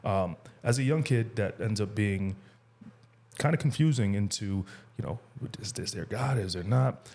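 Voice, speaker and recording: Male podcast host with a very deep voice; casual, rambling interviewer. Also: normal speed, darkish tone. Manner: rambling, many fillers and restarts.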